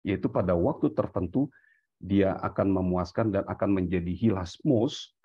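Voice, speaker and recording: Male panelist, low husky voice, hesitant thinking-aloud delivery, dry and dull recording. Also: moderate pace, no echo. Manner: thinking aloud with many fillers and self-corrections; mixes in English terms. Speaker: discussion panelist. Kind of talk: theological discussion.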